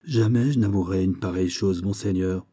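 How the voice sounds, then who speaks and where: Brief: male narrator playing a deferential young count under teasing, low dark voice, a bit husky. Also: normal speed. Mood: pleading deferential. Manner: pleading, deferential. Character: flustered young nobleman courtier.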